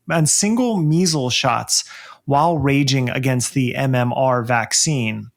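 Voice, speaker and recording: A man co-hosting a podcast, talking conversationally with fillers and a chuckle, then reading a segment. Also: medium pitch. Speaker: podcast co-host. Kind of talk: casual podcast talk and scripted segment.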